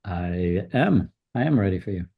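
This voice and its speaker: A man's voice: low-pitched, animated, normal speed, creaky, breathy edge, narrow, tinny audio. A man in his fifties, a designer being interviewed, answering thoughtfully with many ums and restarts. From Switzerland. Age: 50s. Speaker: guest designer.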